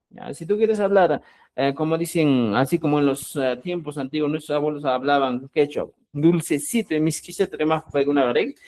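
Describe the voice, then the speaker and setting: Teacher for a live online class, mid-pitched, animated, quizzes students with questions, stretches words for emphasis. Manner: asks the class rhetorical questions and answers them. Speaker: Quechua teacher. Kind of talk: live online language lesson.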